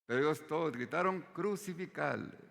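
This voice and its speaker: A man preaching a sermon in a church, his voice carried by a long hall reverb. He keeps addressing the congregation as brothers, rising on key words and sinking low at the ends of phrases. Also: lively intonation, a little slow, fairly bright tone. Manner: repeats "hermanos" often, dropping his voice low at phrase ends.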